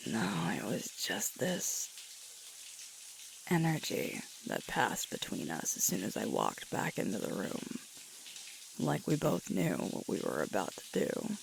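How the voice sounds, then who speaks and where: A woman performs an intimate ASMR roleplay story as a sweet, playful young alpha werewolf girlfriend who is tired and sore, reminiscing in a wry, relaxed way. Using a full character voice with wildly swooping pitch, she murmurs slowly and breathily, often whispering, pausing with sighs. Running shower water hisses loudly throughout.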